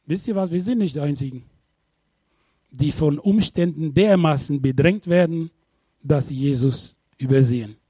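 A man preaching a sermon, animated, firing rhetorical questions at the congregation and sometimes bursting into shouts. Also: on the high side, moderate pace, husky, no echo, studio quality. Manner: bursts into shouts when retelling.

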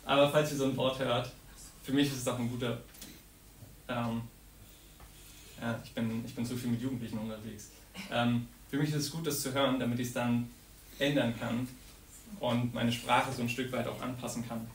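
A man's voice: mid-range voice, moderate pace, long pauses. A young man from Saxony giving an informal, earnest sermon, acting out the psalm's lines with feeling. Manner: earnest, animated, acts out psalm voices. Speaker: preacher. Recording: echoey room, distant mic, noisy.

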